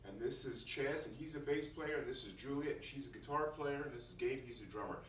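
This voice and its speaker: Speaking quickly in a mid-range voice, a music school teacher welcomes new students with a casual, joking first-day talk. He keeps repeating phrases to stress them, and the classroom recording is roomy, taken from a distant mic with faint noise.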